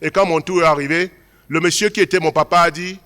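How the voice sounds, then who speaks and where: Male pastor, raised voice, preaching in a big echoing church hall, emphatic then quietly confiding. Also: on the high side, steady tone, fast, clean tone. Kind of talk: sermon. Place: large church hall at a Sunday service. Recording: long hall reverb.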